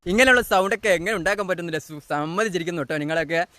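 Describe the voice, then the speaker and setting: Brief: male reaction host, high-pitched and rapid-fire, teasing and mocking. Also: fairly even intonation, bright, forceful tone, no room sound. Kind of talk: mocking political commentary.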